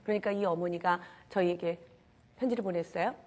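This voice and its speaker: A woman's voice: on the low side, brisk. A woman giving a lecture on character education to a live audience, getting them to repeat after her and dropping to a whisper for emphasis. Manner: leads call-and-response with the audience.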